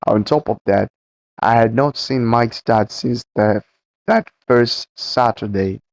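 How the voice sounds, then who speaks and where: A man reading a book aloud slowly and haltingly, with a cracking voice and frequent stumbles and self-corrections. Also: mid-range voice, vocal fry, no room sound. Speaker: book reader. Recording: dull, muffled home recording.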